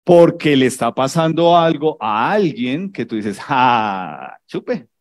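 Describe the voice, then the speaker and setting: A man, a pastor, preaching a sermon in an animated, teasing way, firing off rhetorical questions. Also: a little high, unhurried.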